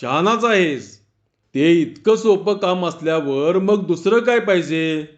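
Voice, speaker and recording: Casual: grumpy boss-type official, man putting it on, deeper than his own voice, slow. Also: lively intonation, lo-fi sound. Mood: gruff. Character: gruff middle-aged government officer.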